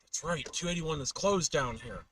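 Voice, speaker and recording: A man's voice: on the high side, animated, normal speed, a bit bright. Storm chaser man rambling over car noise. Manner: rambling, trailing off mid-thought. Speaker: storm chaser live streamer. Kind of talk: casual unscripted livestream chat while driving. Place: inside a moving car. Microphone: webcam microphone in car. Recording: noisy car, distant webcam mic.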